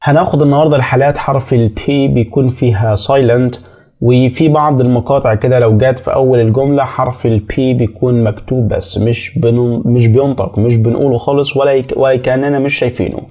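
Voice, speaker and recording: Mellow-voiced Egyptian man teaching pronunciation. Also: mid-range voice, steady tone. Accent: Egyptian Arabic. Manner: explains step by step, repeating sounds slowly to demonstrate. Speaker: English teacher. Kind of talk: language lesson explanation.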